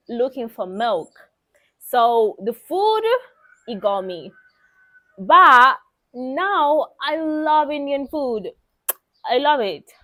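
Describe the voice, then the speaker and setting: Telling her viewers personal stories, a young woman vlogger from Mozambique is candid, emphatic, and casual. Portuguese is her first language, and she has a Mozambican accent. Her fairly high voice is a bit bright, and there's no echo.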